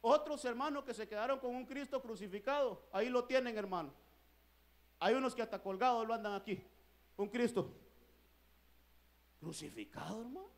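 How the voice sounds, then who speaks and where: High-voiced man preaching a sermon. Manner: earnest preaching, repeating "hermano" often; rises louder and slower on key points. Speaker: pastor. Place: church.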